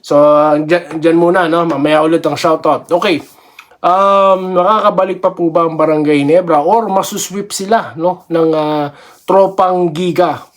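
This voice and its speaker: This is a man hosting a casual basketball vlog, his voice sitting a little high for a man. He rambles in a friendly way, laughs often and keeps tossing little tag questions at his viewers. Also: fairly even intonation, unhurried. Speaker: basketball vlogger. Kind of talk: casual sports commentary vlog.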